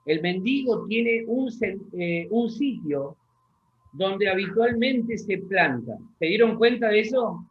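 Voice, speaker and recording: A man preaching a sermon, reading scripture slowly with pauses and asking the congregation questions. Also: high-pitched, lively intonation, dull audio, a little hiss or hum. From Argentina. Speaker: pastor. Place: church hall.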